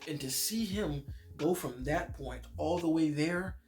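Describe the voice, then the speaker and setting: A man reviewing and ranking movies in a casual vlog, talking excitedly, tripping over repeated words and swearing freely. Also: fairly high pitch, unhurried, soft background music.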